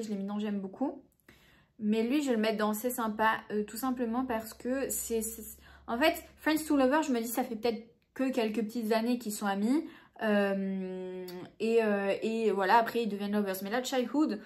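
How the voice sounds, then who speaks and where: A woman in her late twenties, a book vlogger chatting casually to camera and thinking aloud with lots of fillers. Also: fairly high pitch. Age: late 20s.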